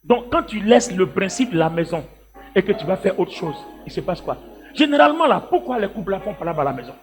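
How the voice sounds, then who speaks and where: A man preaches to his congregation. He drops to quiet asides, then rises to shouted exhortation. Faint music plays behind him. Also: sits high, fast talker. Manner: animated, swings from hushed asides to shouted exhortation; talks directly to the congregation with many "hein" and "là" tags. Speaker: evangelist preacher. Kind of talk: sermon.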